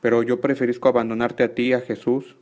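A man's voice: mid-range voice, little pitch movement, a little fast, a little mellow, natural voice. A man voicing a whiny rich young man who refuses to give up his possessions, in a pleading, sarcastic manner. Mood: whining.

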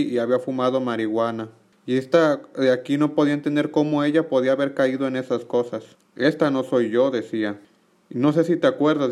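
A man relaying a preacher's teaching in an earnest, measured way, with small slips and restarts. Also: medium pitch, a little mellow. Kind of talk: religious teaching narration.

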